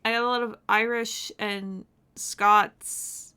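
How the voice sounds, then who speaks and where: A woman's voice: mid-range voice, flat delivery, takes it slowly, bright, forceful tone, clean tone. A woman from the United States chatting casually and profanely on a game stream, laughing often. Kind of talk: casual live-stream chat.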